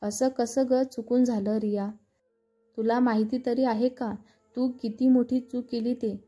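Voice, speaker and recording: A woman's voice: fairly high pitch, flat delivery, unhurried, warm tone, soft background music. A woman voicing a stern, protective elder sister who scolds and lectures her younger sister. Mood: angry.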